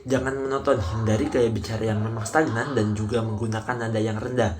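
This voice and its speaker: A man's voice: lowish voice, fairly even intonation, fairly quick. A young man student presenting a training module, explaining numbered points in a casual tone. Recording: crowd noise in the background.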